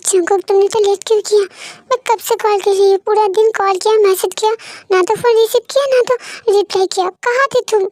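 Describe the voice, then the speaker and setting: A woman voicing a tearful young wife, very high. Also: steady tone, brisk, darkish tone, dry recording. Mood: worried. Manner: pleading, tearful. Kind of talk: fan story voice acting.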